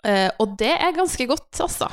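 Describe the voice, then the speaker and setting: Lively, laughing woman storyteller. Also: sits high, smooth. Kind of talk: casual chat.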